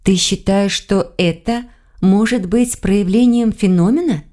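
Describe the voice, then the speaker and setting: Playing a curious young woman in an audiobook, a female reader sounds a bit higher and more animated than when she narrates. She speaks at a normal speed.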